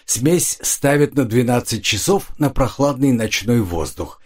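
A man reading a serious calm engineer. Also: mid-range voice, unhurried. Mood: explaining. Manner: serious, explanatory.

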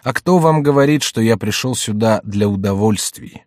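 A man's voice: fairly low pitch, normal speed, darkish tone, no room sound, clean studio sound, natural voice. A man voicing a haughty young royal duke who speaks sternly and menacingly, in a raised voice.

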